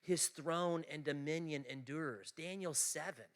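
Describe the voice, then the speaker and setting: A man preaching an animated lecture to students, emphatic, swinging from loud exclaiming to quiet asides. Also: fairly high pitch, a little slow.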